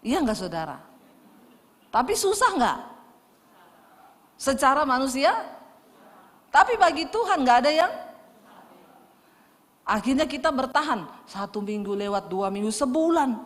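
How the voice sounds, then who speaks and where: A middle-aged woman pastor tells stories from the pulpit in a lively sermon, speaking straight to her congregation. Her voice sits fairly high. It rings out with the long reverb of a church hall. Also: measured pace, pauses often. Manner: lively, addresses the congregation directly, acts out quoted dialogue. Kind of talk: storytelling sermon.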